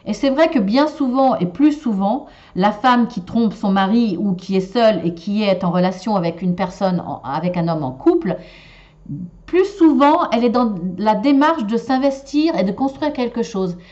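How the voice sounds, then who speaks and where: A woman's voice: medium pitch, expressive, normal speed, darkish tone. A woman giving a relationship card and shell reading to viewers, talking in a hesitant, casual way with many fillers and restarts. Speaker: tarot and shell reader. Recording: slightly dull lo-fi sound.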